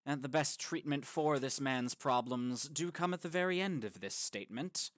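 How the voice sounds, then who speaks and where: A man doing a dry, deadpan archivist. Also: mid-range voice, no echo, close to an everyday voice. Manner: deadpan, slow and flat. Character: dry, weary male archivist reading a statement.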